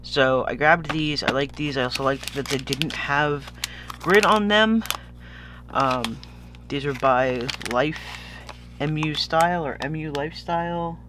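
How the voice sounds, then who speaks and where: A man with a slightly high voice and a sniffly sound chats casually through an unboxing. He rambles and loses his thread easily. The recording has a noticeable noisy hum. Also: measured pace. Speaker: vlogger showing stationery purchases.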